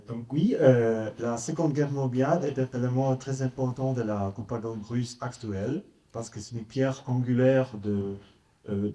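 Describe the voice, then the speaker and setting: A man speaks French as a foreign language, with a Polish accent. He talks as a researcher on a panel, in a halting, careful way, searching for his words. His voice is soft-edged and mellow. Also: medium pitch. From Poland. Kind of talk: panel talk, expert explanation.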